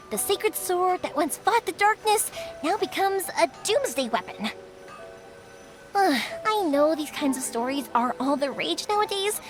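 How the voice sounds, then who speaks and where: A spirited young fireworks girl. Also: sits high. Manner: chatty, bright, patient with her deaf father. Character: spirited young female fireworks shop owner. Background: game music.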